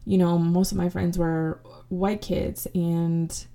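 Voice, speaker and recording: A young podcast host from the United States, whose first language is Spanish, reflects on her childhood in casual personal storytelling. Her low, gravelly, dark voice is flat and slow. She fills her speech with ums and keeps restarting her sentences.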